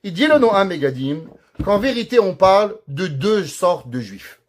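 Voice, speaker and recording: Guy teaching a torah lesson, highish voice, explains words slowly, lots of questions. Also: slight background noise. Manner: explains Hebrew terms and verses slowly, teacher-like; lively, rhetorical questions to the audience. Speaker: rabbi teaching a class.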